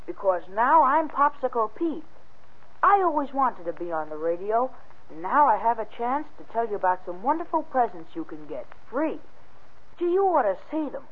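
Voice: mid-range voice, very animated, moderate pace. A performer playing an eager, wholesome all-American boy, gushing through an old radio advertisement. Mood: excited. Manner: gushing, boyish exclamations. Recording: tinny vintage radio recording.

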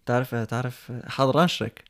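A man's voice: mid-range voice, brisk, fairly bright tone. A young man with a Syrian Arabic accent chatting casually as a podcast co-host, mixing French and English words into his Arabic. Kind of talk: casual chat.

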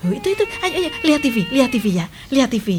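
A woman's voice: high voice, rapid-fire. A woman playing a fretful Javanese grandmother. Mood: fretful coaxing. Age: older. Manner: fretful, coaxing, chatty. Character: fussing grandmother soothing a crying grandson. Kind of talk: family drama acting. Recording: steady background noise.

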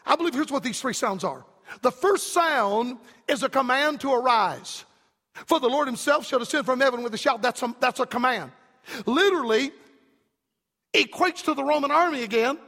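A man preaching a fiery revival sermon in an emphatic, rhythmic cadence that climbs to shouts. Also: extremely high pitch, lively intonation, moderate pace, creaky, long reverb tail.

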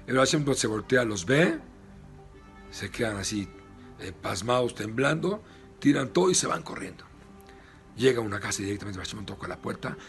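Un rabino con acento mexicano que narra una historia con animación y muchos "este". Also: male voice, on the low side, vocal fry. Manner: lively retelling with many "este" fillers. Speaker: rabbi. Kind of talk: storytelling.

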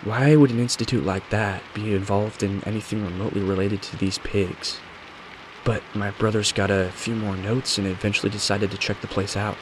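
In a scripted mystery story with steady rain in the background, a man voices a determined young woman telling how her brothers investigated, explaining matter-of-factly. His voice is on the low side, natural and at normal speed.

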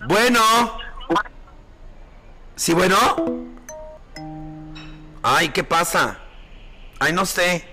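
A man's voice: on the high side, drawn-out words, pauses often, over music. A man hosting a live call-in show as a drag performer, campy, affectionate and swearing freely.

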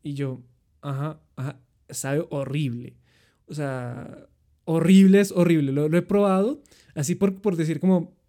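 Young colombian guy rambling thru a travel story, kinda high voice, warm and soft tone. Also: unhurried. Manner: chatty, rambling, animated retelling. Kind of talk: casual storytelling.

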